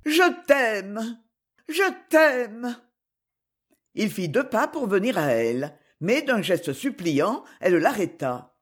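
Reader doing a heartbroken young woman, husky, jumps way up high and loud. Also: sing-song, a little slow, hardly any pauses. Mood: pleading. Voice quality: hoarse when threatening. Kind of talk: audiobook character voice.

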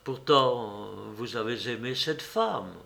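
A man voicing a gentle young woman, a detective's daughter, who speaks softly and hesitantly. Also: mid-range voice, slow pace, gravelly, exaggerated voice. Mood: anxious. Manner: soft, hesitant, sorrowful. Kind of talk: audiobook character reading.

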